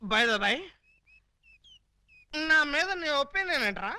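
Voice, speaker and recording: A man's voice: very high voice, very animated, takes it slowly, noisy background, exaggerated voice. An actor in a Telugu comedy film playing a drunk man who brashly mocks and insults his boss. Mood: mocking. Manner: brash, mocking, sarcastic.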